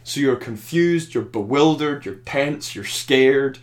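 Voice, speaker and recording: Man reviewing a film in relaxed chat; thoughtful, meandering delivery. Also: mid-range voice, takes it slowly. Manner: thoughtful, rambling with restarts. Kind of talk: casual podcast chat.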